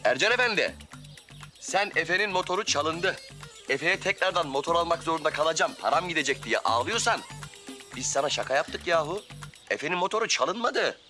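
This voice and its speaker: A man who explains things in a rapid, bright voice. His pitch moves a lot, and music sits faintly underneath. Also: lively intonation. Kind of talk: TV comedy drama acting.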